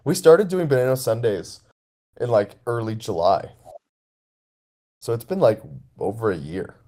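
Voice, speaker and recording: Excitable co-host with a lively voice. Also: medium pitch, measured pace. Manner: excitable, laughs often. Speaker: community call co-host. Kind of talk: casual group call. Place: room shared with friends.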